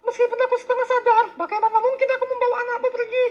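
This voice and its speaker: A woman voicing an emotional young woman in an animated courtroom drama, pleading and stammering melodramatically. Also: very high voice, rapid-fire, slight background noise. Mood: insistent. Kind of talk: dramatic animated story dialogue. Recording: dull lo-fi audio with music behind.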